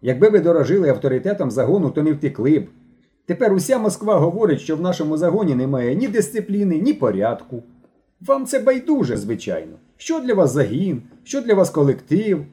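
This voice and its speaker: A male reader voicing a stern teenage boy who lectures two runaways in a lively, raised tone. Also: medium pitch, fairly quick. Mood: scolding. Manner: lecturing, indignant. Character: stern teenage boy, troop leader, scolding.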